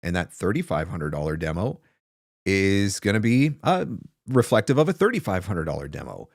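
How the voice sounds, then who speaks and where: Low and sing-song, this forties-aged man talks at a normal speed while coaching voice-over marketing on a livestream. Working close on a desk microphone in his small home studio, he answers comments casually and emphatically, with a dry sound.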